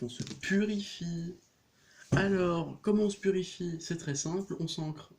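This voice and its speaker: A man doing a card reading, hesitant with many fillers and restarts, giving gentle, reassuring spiritual advice. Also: mid-range voice, a little hiss or hum. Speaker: tarot card reader. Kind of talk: casual card-reading video.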